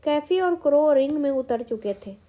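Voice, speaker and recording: A woman's voice: sits high, lively intonation, moderate pace, warm tone. A woman steadily reading a comic book aloud as the storyteller.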